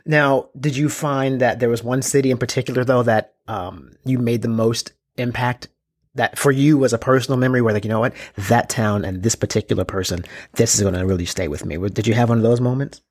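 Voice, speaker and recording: A man hosts a casual interview in a relaxed, slangy way and laughs easily. His voice has an ordinary middle pitch. It is recorded dry and close, with no room echo. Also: brisk. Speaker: interviewer, host.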